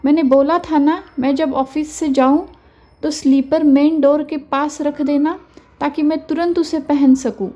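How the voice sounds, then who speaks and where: An impatient, demanding grown son , as a woman narrator puts him on grumbles curtly in a homespun audio story. His lines come slowly in a mellow voice pitched fairly high. The audio is a little dull. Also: steady tone. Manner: curt, complaining.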